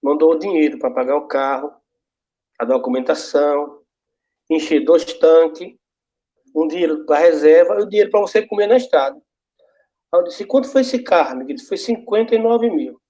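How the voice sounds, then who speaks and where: A man's voice: a little high, brisk, warm tone. A male pastor giving a testimony to a congregation, acting out the dialogue in his story. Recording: dull lo-fi recording.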